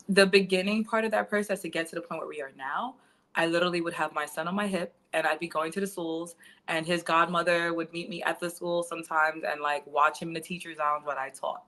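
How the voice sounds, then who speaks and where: A woman's voice: on the low side, steady tone, fairly quick, sharp tone. A woman in her thirties, a financial educator, chatting as a guest in an interview and telling stories with many fillers. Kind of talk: casual interview storytelling.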